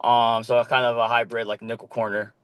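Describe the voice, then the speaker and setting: A young man born in Korea, a podcast guest talking casually about playing flag football, with a relaxed manner and plenty of ums. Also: mid-range voice, brisk, clear, resonant tone, dry recording. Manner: relaxed, loose, with many ums and casual swearing. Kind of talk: casual chat.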